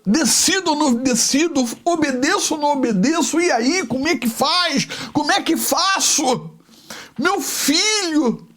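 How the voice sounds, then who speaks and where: A man's voice: extremely high pitch, lively intonation, unhurried, a bit bright, pitched above the performer's own voice, heavily acted. A man voicing a very old father in anguish, torn between obeying and sparing his son. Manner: frantic, pleading, breaking.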